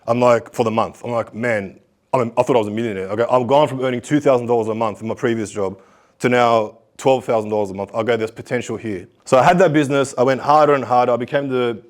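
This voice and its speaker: A middle-aged man speaks as a guest speaker in a school hall, giving a motivational talk to students about his life story. His voice is medium-pitched with fairly even intonation, and he talks fast, telling stories and acting out the conversations in them.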